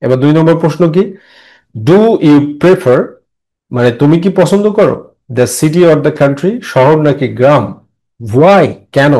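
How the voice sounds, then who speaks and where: A young man teaching an English lesson in Bengali, slowing down to read the English lines aloud and explaining each word. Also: fairly high pitch, mellow, low-quality recording. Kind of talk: classroom lesson explaining a textbook poem.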